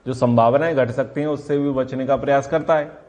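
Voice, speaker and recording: A man teaching a class on Vedic philosophy, asking questions and answering them himself, and stretching key terms slowly for emphasis. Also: mid-range voice, fairly even intonation, a little mellow, highs cut off. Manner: asks and answers his own questions. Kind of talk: classroom lecture.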